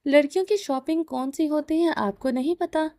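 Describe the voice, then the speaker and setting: A woman's voice: sits high, warm tone, no echo, studio quality. Woman voicing Haya, defiant young wife. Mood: indignant. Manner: indignant, quick retorts.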